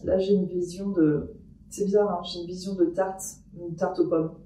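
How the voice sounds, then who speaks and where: A woman recording a paranormal experiment vlog at home, talking her thoughts aloud in a hesitant way with many pauses and restarts. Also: on the low side, flat delivery, warm tone, far from the mic, slight background noise. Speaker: paranormal investigator. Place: room in her house. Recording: echoey room, voice off-mic.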